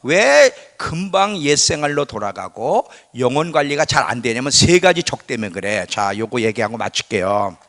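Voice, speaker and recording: A man's voice: medium pitch, big pitch swings, normal speed, hardly any pauses, a bit bright. A male pastor preaching a sermon in a conversational way, often putting questions to his congregation. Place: church sanctuary. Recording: church hall with long reverb.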